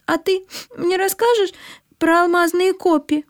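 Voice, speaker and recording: A woman's voice: extremely high pitch, fairly even intonation, measured pace, dry recording, studio quality, pitched above the performer's own voice. A woman voicing a small, spoiled schoolgirl who wails and sobs tearfully. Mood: sobbing. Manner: wailing, tearful.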